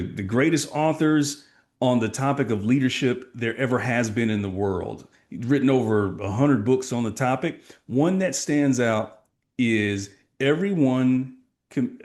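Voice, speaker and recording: A middle-aged man from Texas, speaking in a medium-pitched, slightly mellow voice, is interviewed on a podcast. As a sales coach, he answers emphatically and motivationally, throwing in rhetorical questions.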